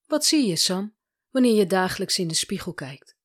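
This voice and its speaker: A woman reads a scripted first-person story in a calm, gentle voice at a mid pitch. She speaks as a coach, often turning to her listener with soft, probing questions. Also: normal speed. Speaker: narrator and coach.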